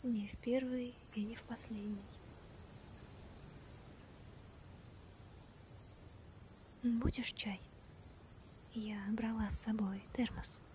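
A woman in an ASMR role-play as a gentle, wonder-struck girlfriend stargazing at night, soft-spoken softly right into the listener's ear. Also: fairly high pitch, fairly even intonation, measured pace, close to an everyday voice. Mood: tender, intimate. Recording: night crickets, insects and clear ambient noise. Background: crickets and night insects.

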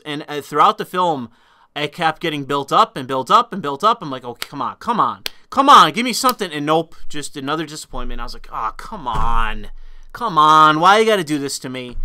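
A man ranting through a film review, swearing and swinging from low mutters to sudden shouted outbursts in exasperation. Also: smooth. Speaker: movie reviewer.

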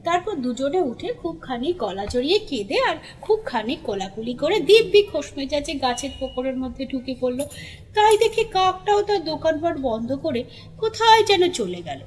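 A woman reading a classic children's story aloud in a lively, expressive way. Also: sits high, moderate pace, a little hiss or hum. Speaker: narrator.

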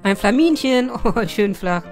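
A woman's voice: mid-range voice, expressive, a little slow, a little mellow, soft background music. A woman hosting a joke channel, reading viewer jokes aloud and giggling after the punchlines with amused little asides.

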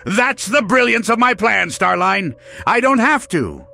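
A man voicing a bombastic, gloating mad-scientist villain in a comic dub, with slow theatrical menace. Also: sits high, big pitch swings, gravelly, sharp tone, faint music behind, exaggerated voice.

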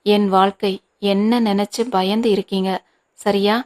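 An anxious young man pleads with his mother, earnest and firm, as a woman reads him in an audiobook. His lines come out flat and steady, with little rise and fall. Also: mid-range voice, a little slow, close to an everyday voice. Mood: pleading.

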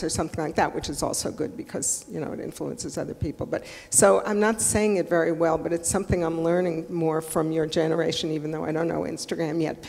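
A woman's voice: fairly low pitch, creaky, a little mellow. An older woman activist on a panel, reflective and thinking aloud, with light laughter in her talk. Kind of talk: panel discussion. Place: museum event hall. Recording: long reverb of a large hall.

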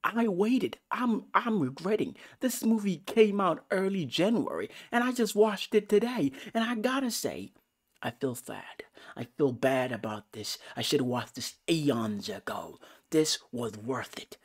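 A man giving a casual, excitable movie review, full of profanity and swinging between loud outbursts and hushed whispers. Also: high voice, measured pace, few pauses.

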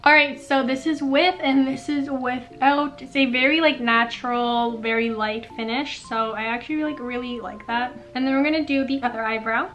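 A young woman in her twenties, a beauty vlogger, chats through her makeup routine in her bedroom, bubbly and full of fillers and little laughs. Her voice is high, steady and a bit bright, moving at a moderate pace with few pauses. She's recorded by a camera on a tripod at arm's length.

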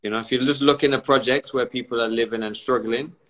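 A man from Barbados hosting a casual phone live stream, talking in a relaxed, rambling way with many fillers. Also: mid-range voice, fast, poor audio. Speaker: Instagram live host.

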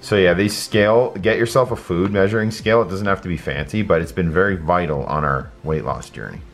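A man's voice: low voice, brisk, soft background music. A man in a home kitchen adding brief, matter-of-fact tips to a cooking vlog. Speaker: co-host, husband.

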